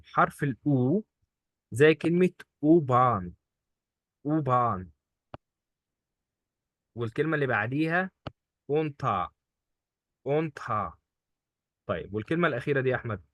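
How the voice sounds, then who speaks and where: A man's voice: mid-range voice, expressive, normal speed, long pauses, fairly bright tone. A man with an Egyptian Arabic accent, teaching German pronunciation one-on-one, patiently repeating each word for his student. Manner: patient, drills words by repeating them.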